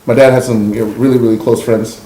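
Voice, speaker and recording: A man with a Canadian accent guests on a podcast, telling personal stories casually and candidly, peppering his talk with "like" and "you know." His mid-range, dark-toned voice moves fast with little pitch variation. It was recorded in person in an indoor room, with roomy echo and faint background noise.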